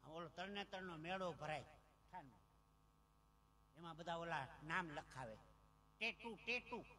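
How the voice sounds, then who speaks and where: A man's voice: a little high, a little slow, slight background noise. A man with a Gujarati accent telling jokes and stories as a folk comedian on a live village stage, acting out the voices of his characters. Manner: animated joke-telling, acting out other voices. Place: outdoor village stage with a PA system.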